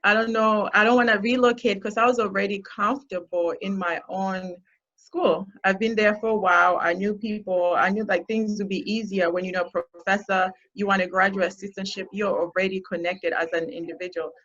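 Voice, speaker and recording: A woman's voice: mid-range voice, fairly bright tone. Earnest woman speaker on a dull line. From Zambia. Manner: earnest, encouraging, with frequent restarts. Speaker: guest speaker. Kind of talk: motivational talk to a youth group.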